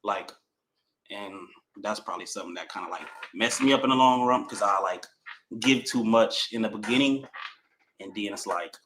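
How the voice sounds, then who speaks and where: A man's voice: fairly low pitch, moderate pace, slight background noise. Hesitant young man on a video call. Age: 20s. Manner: trailing off, soft, hesitant. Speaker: caller on a dating stream. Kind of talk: casual chat.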